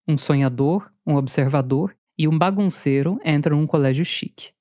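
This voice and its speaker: A woman whose voice sits low and mellow tells a documentary podcast story with dry, playful wit, following a script and mixing in interview clips. She speaks at normal speed with a Brazilian Portuguese accent, and the recording has no room sound.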